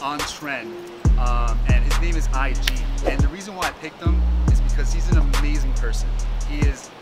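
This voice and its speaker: A host opens the show with a playful, sing-song introduction of the first guest. The voice sits in a middle pitch range, with loud hip hop music playing underneath. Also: normal speed.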